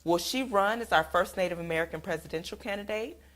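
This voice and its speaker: A woman anchoring a news broadcast, reading the stories in a measured, even newsreader manner. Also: mid-range voice. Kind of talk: read news report.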